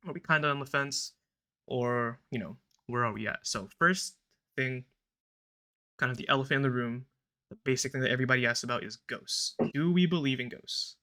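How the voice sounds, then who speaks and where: A man's voice: mid-range voice, fairly quick. A young man hosting a casual podcast, chatting loosely with many fillers. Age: young adult. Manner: relaxed, rambling, filler-heavy, recites a prayer. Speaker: podcast host.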